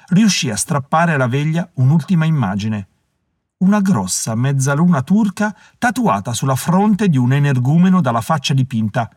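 Male audiobook narrator, dramatic, husky, dry studio sound. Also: mid-range voice, darkish tone, no room sound. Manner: measured, dramatic storytelling. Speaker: audiobook reader. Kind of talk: scripted narration.

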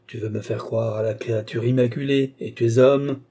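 A frail yet tyrannical old alchemist, voiced by a male audiobook reader speaks in a dark, husky tone. He is scornful and imperious, and his words keep rising into fierce outbursts. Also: mid-range voice, fairly even intonation, normal speed, close to an everyday voice. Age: older. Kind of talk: audiobook character reading.

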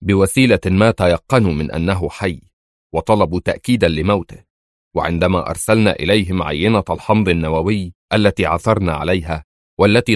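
A man's voice: deep voice, no echo, clean studio sound, natural voice. A man voicing a tense, irritable defense secretary. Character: nervous male American defense secretary.

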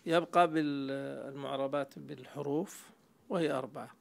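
Male grammar teacher, gravelly voice, patient step-by-step lecturing, quizzes the class. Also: mid-range voice, fairly even intonation, moderate pace. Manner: explains step by step, quizzing students.

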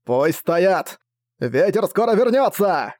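A man's voice: on the high side, normal speed, a little mellow, no room sound, lightly acted. A man voicing a proud, defiant older prince who commands a fleet, speaking in a haughty, scornful way.

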